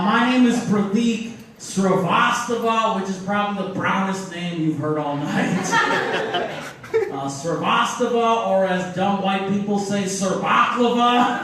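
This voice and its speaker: A man's voice: high voice, takes it slowly, distant mic, background noise. A man doing a stand-up comedy set on a club stage, riffing loosely and making fun of himself. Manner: riffing, loose and self-mocking. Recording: echoey room, voice from afar.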